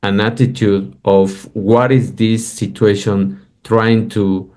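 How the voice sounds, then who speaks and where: Slow, low-voiced thoughtful man. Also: little pitch movement, darkish tone. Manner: thoughtful, hesitant, many fillers. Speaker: podcast guest. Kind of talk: casual conversation.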